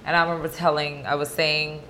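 Animated woman telling a story. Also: deep voice, fast talker, slight background noise. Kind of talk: casual panel chat.

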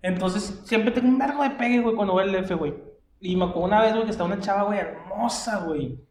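Young norteño guy, high voice, crude slangy storytelling, roomy echo off-mic. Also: fast talker, far from the mic, slight background noise. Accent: northern Mexican. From northern Mexico. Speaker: podcast co-host. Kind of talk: casual chat. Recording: echoey room, off-mic.

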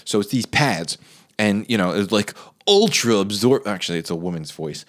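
A man's voice: low-pitched, a little fast. A man ranting comically about an advertisement, incredulous and riffing with lots of fillers. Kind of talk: comedic rant.

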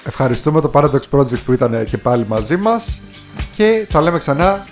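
Man, podcast co-host, casual chat, reads listener messages, relaxed, frequent fillers. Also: fairly high pitch, faint music behind.

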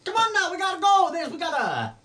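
A man voicing a small, shifty male goblin thief who talks his way out of trouble in a squeaky, wheedling voice. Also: huge pitch swings, fast talker, pushed and bright, slight background noise, full character voice. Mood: nervous, placating.

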